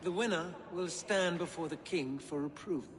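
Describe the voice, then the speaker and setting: A man's voice: on the high side, moderate pace, big-room sound, lightly acted. An actor playing a courteous, formal Saxon nobleman in a video game.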